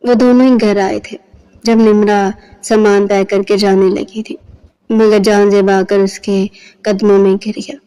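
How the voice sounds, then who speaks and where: Woman, novel narration, steady storytelling, mellow tone, smooth and clear. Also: mid-range voice, low-quality recording. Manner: steady storytelling with quoted dialogue. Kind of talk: scripted novel reading.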